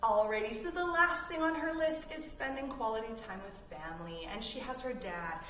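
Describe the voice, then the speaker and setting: Brisk, expressive, and a bit bright, her fairly high voice carries through a room as she reads a picture book to children and coaches them through easy yoga poses. She's from Canada; the recording is echoey, distant-miked, and noisy.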